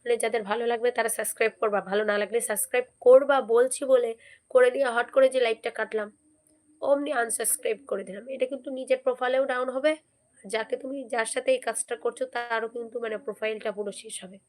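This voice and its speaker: Hoarse woman on a live stream, kinda high voice, keeps asking everyone to comment n subscribe. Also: fairly even intonation, quick pace. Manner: chatty, keeps urging viewers to comment and subscribe. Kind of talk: casual live-stream chat.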